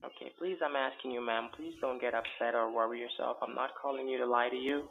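A man's voice: mid-range voice, steady tone, quick pace, gravelly. A man with a Jamaican accent talking insistently and placatingly, persuading someone on a phone call. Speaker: phone scammer. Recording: dull, noisy phone line.

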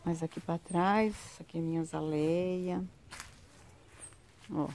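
A woman's voice: on the low side, steady tone, slow, dark tone, slight background noise. A woman giving a chatty, casual vlog tour of her sunny home garden, pointing things out to viewers, recorded outdoors on a handheld phone.

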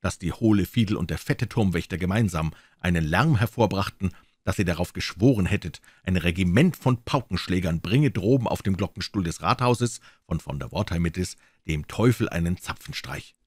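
Lively, low-voiced male storyteller. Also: moderate pace, no room sound, studio quality. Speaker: audiobook reader. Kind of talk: scripted story narration.

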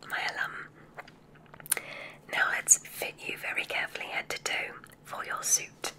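Soft whispers carry this ASMR piece, where a woman plays a benevolent witch who examines students at a magic school. Her delivery is soothing, unhurried in its deliberateness, and formal.

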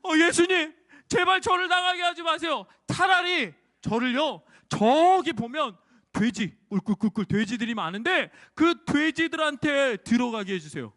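A man's voice: very high voice, animated, moderate pace, pushed and bright, dry recording, studio quality, heavily acted. A man voicing a legion of demons inside a man, begging in a whiny way. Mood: pleading.

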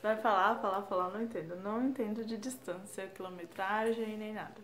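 A woman's voice: mid-range voice, steady tone, brisk, a bit bright, echoey room. A young woman from Brazil talking casually in a self-deprecating, chatty way as a vlogger at home. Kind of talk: casual chat.

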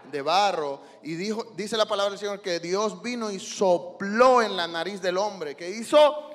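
A male pastor preaching an emotional sermon in a church, swinging from hushed lines to loud cries. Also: sits high, unhurried, in a large hall, slight background noise. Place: church sanctuary.

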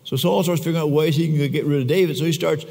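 A man's voice: a little high, steady tone, fast, creaky, darkish tone. A man preaching a sermon in a church, telling the story in a casual, conversational way with chatty asides. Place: church sanctuary. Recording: long church reverb.

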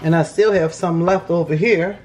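A woman's voice: on the low side, steady tone, moderate pace, noisy background. A woman with a New Orleans accent, casually walking through a home recipe in a kitchen, easygoing and folksy. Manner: easygoing, folksy, repeats herself. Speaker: home cook teaching a recipe. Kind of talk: casual cooking demonstration.

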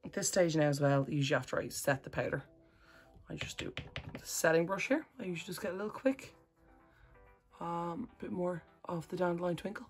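A woman's voice: on the low side, fairly quick, faint music behind. A woman chatting casually through a makeup tutorial as a vlogger, rambling and correcting herself as she goes.

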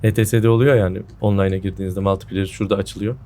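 A man with a deep, slightly mellow voice and little pitch movement talks very fast as he gives casual gameplay commentary. He's a gaming video host on a headset mic in an indoor room at home, sick with a sore throat that leaves his voice a bit off.

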